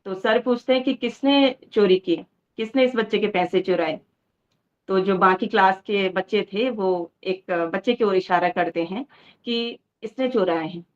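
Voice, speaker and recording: A woman's voice: fairly high pitch, lo-fi sound. A woman giving a devotional talk, telling a moral story and asking rhetorical questions in an earnest, explaining manner. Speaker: devotional speaker.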